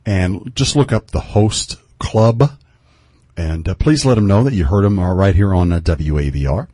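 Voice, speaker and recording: Midwestern male radio host, low voice, dry close mic, rambly with lots of uhs. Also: moderate pace, mellow, no echo. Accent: Midwestern American. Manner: rambling, many fillers and restarts. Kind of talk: radio interview.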